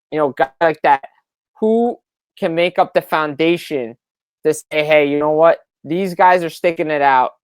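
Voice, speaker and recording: A man's voice: fairly high pitch, smooth, no room sound. A man hosting a casual sports talk podcast who speaks emphatically and hammers his points home by repeating them. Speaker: podcast host.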